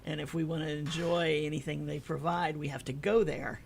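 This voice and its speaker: A middle-aged woman from the American Midwest hosting a casual radio interview show, chatty and quick to laugh along with her guest. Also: deep voice, steady tone, creaky, a little mellow, slight background noise.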